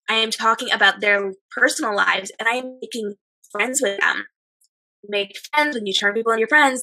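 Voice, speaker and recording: A slightly hoarse woman hosting a chatty advice show, speaking emphatically and repeating phrases in lists. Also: on the high side, sharp tone, poor audio. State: slightly hoarse, losing her voice. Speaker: host of an advice show for authors. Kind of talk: chatty advice monologue to viewers.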